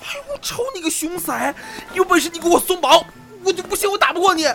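A woman's voice: high-pitched, very animated, a little slow, soft background music, full character voice. Woman doing a swearing young man with a twang. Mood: furious. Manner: loud swearing protests, whining and yelling. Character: brash young man flung into the past, foul-mouthed and panicky. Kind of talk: comedic fan audio drama acting.

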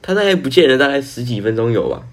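A man's voice: mid-range voice, very animated, quick pace. A teenage boy from Taiwan, co-hosting a casual podcast and giving short, laid-back replies. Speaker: podcast co-host. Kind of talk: casual chat.

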